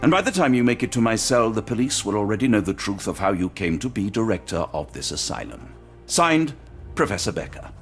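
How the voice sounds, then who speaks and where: A man playing an earnest, weary English doctor in a video game, polite and measured with a dry, wry streak. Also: fairly low pitch, sing-song, faint music behind. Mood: firm, persuasive.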